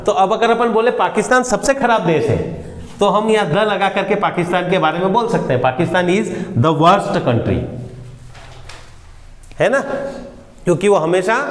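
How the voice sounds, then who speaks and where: Guy teaching grammar in class, fairly high lively voice, big echoey room. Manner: asks students questions and repeats words for them. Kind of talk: classroom lesson explaining grammar. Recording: echoey room with long reverb.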